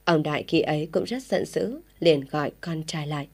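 Woman narrating a story, lowish voice. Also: normal speed, breathy edge. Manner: steady storytelling reading. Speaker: audiobook narrator.

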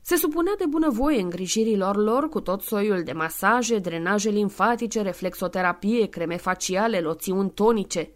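A woman reading a novel aloud as an audiobook in a measured, clear way, including spoken footnotes. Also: mid-range voice. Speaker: audiobook reader. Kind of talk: scripted narration.

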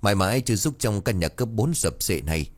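A man voicing a headstrong, bitter teenage girl who shouts back defiantly in a storybook reading. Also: on the low side, big pitch swings, normal speed.

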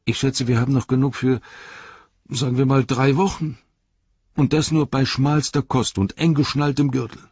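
A man's voice: mid-range voice, steady tone, moderate pace, darkish tone, husky, dry recording, lo-fi sound, pitched above the performer's own voice. A man reading an audiobook and voicing an anxious, talkative male hobbit servant who chatters eagerly and fretfully. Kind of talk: audiobook character voice.

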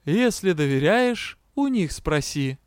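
A man's voice: a little high, very animated, slow pace, clear, resonant tone, no echo, clean studio sound. A man voicing a grumpy, sardonic male dragon who answers curtly and with irritation. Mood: irritated. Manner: curt, irritated, mocking. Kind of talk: audiobook reading.

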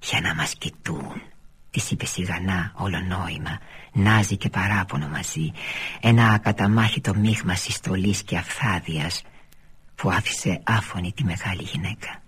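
Very husky man reading a novel. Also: low-pitched, a bit bright. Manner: measured, often sinking to a near-whisper. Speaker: reader. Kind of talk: literary novel read aloud on radio.

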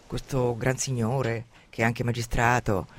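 A man hosting a radio program on literature, retelling and commenting on an adventure novel in a lively, dramatic way. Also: medium pitch, measured pace, no room sound. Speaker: radio host presenting a novel.

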